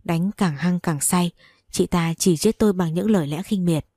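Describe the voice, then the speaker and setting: A woman reads a first-person novel aloud with emotional, dramatic storytelling. Her voice is low and mellow. The recording is dry and close. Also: moderate pace, no room sound. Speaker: audiobook reader.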